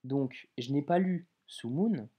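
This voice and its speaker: A man teaching how to read letters, talking casually and directly to the viewer and stretching out example words slowly. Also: mid-range voice, expressive, husky, highs cut off. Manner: informal, addresses viewer as tu, drawn-out example words. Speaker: Arabic reading teacher. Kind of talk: casual video lesson.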